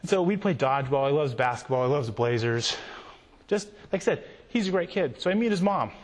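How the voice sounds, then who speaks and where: A man speaking as a youth pastor, telling stories in an animated way and often repeating himself. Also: a little high, a little fast. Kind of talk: storytelling conference talk. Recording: long hall reverb.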